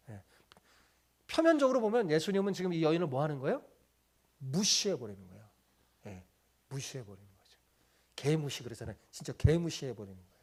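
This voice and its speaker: A middle-aged man, a pastor, preaching a sermon in a church. He keeps asking the congregation questions and then answers them himself, and he acts out the voices of people he quotes. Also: a little high. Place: church sanctuary.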